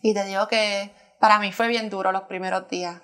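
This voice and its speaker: A woman's voice: medium pitch, steady tone, fairly quick, fairly bright tone. A woman sharing a personal testimony as a church planter in conversation, earnest and emotional, often restarting her sentences.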